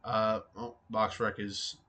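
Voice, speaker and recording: A man's voice: fairly low pitch, level tone, takes it slowly, sharp tone. A man hosting a boxing recap show, talking casually with many fillers and restarts as he runs through the weekend's results.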